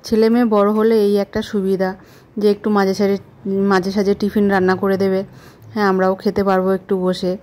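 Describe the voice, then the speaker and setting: A woman's voice: medium pitch, level tone, fast, a little mellow. A middle-aged woman chatting casually and directly to her viewers as a family vlogger. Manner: conversational, addresses viewers directly. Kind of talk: casual home vlog chat.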